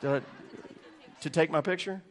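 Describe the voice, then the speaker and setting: A man preaches a lively sermon, breaking into laughter as he tells funny stories. His voice sits a little high for a man, and he keeps a loose, joking tone with the congregation. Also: a little slow, a faint crowd, a little hiss or hum. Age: 40s. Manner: joking, storytelling, laughing often. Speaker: pastor.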